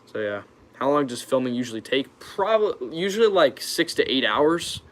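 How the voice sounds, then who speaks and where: A man's voice: medium pitch, very animated, moderate pace, a bit bright. A young American man hosting a casual livestream Q&A, informal and hesitant, reading questions out and answering them off the cuff. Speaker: YouTube channel host.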